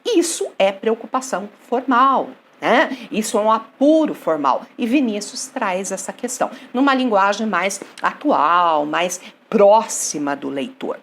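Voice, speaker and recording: A woman teaching a poetry lesson, explaining rhyme and syllable counts step by step and quizzing her class. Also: mid-range voice. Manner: animated, explains step by step and asks the class questions; reads verse slowly and softly. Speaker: literature teacher.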